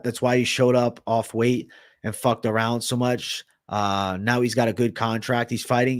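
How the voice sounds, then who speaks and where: A man hosts a casual livestream Q&A and answers viewer questions in a blunt, offhand way, swearing now and then. His voice sits at a middling pitch. The sound is dry and close, with no room echo. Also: a little mellow. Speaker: livestream host.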